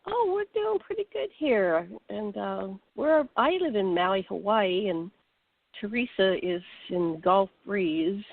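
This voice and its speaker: A woman's voice: mid-range voice, expressive, takes it slowly, creaky, dry recording. A woman hosting a radio talk show, chatting in a rambling, easygoing way as she sets up her guest. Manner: chatty, rambling, self-narrating. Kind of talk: casual radio chat. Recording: tinny phone line.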